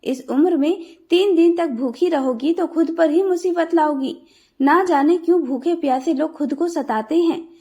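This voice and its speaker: Young daughter-in-law, read by a woman, proud, skeptical, dismissive, high-pitched. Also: unhurried, dark tone. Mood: scornful. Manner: dismissive, scornful.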